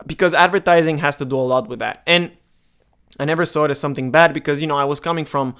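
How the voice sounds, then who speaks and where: A man's voice: on the high side, fast talker, a bit bright, clear, resonant tone. A man in his twenties from Romania, talking candidly and emphatically to the viewer in a casual monologue. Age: 20s. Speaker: marketing vlogger. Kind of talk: casual direct-to-camera monologue.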